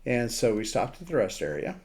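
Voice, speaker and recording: An amateur radio operator demonstrates a map in a casual screen walkthrough. His voice is relaxed and mellow at a medium pitch, and he thinks out loud in a halting, conversational manner.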